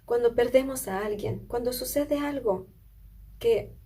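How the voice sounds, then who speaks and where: A woman delivers a sermon, retelling a Bible story with earnest feeling. Her voice is mellow and dark in tone, and she often stops to put questions to her listeners. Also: a little high, measured pace, breathy edge. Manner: earnest, asks listeners questions, small restarts. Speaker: preacher.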